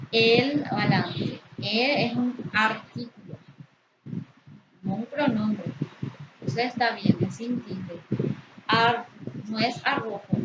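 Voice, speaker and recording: Give me a slightly high woman's voice, teaching slowly, muffled lo-fi sound. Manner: slow, careful, stresses syllables to demonstrate. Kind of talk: spelling lesson. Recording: echoey, muffled, noisy lo-fi.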